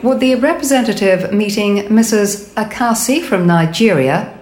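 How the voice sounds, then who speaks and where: A woman's voice: medium pitch, measured pace, darkish tone, lightly acted. A woman playing a formal airport announcer, giving repeated public address pages in an echoey PA sound. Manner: formal, repeats each message. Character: formal female airport announcer paging passengers.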